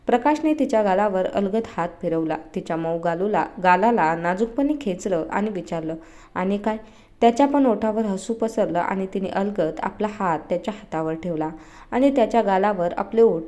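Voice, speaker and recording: Woman narrating a romance story, mellow voice. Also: mid-range voice.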